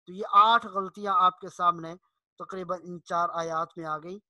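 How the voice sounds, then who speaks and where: A man, teaching Quran pronunciation in an online lesson. He explains patiently and draws out the recited words slowly to show the right sounds. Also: sits high, steady tone, pushed and bright, no echo.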